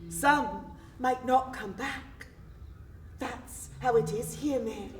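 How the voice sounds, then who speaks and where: A woman's voice: on the high side, slow, a little hiss or hum. A woman voicing a worldly, wistful young Scottish girl with a Scottish accent, coaxing and confiding. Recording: roomy stage sound from afar.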